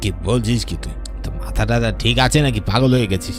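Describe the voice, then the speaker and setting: A man playing a gruff, scolding village headman in a cartoon ghost story, with a brusque, commanding manner. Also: on the low side, quick pace, lightly acted. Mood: scornful, impatient. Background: prominent background music.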